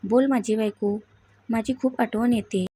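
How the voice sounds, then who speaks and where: A woman voicing a teasing, quick-tempered young husband in a read-aloud story, in a slightly high, husky voice. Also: steady tone, warm tone, dry recording. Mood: affectionate.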